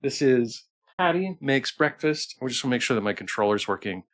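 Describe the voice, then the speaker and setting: An animated, brisk man with a mid-range, fairly bright voice hosts a visual novel livestream despite being tired. His chat with viewers is casual and hesitant, full of rambling, repeated phrases, and restarts.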